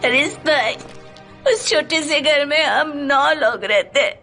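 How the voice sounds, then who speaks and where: A woman voicing a lonely, distressed young schoolgirl in a dubbed TV drama, speaking slowly through tears. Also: high voice, fairly bright tone, faint music behind. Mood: tearful. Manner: tearful, slow, halting.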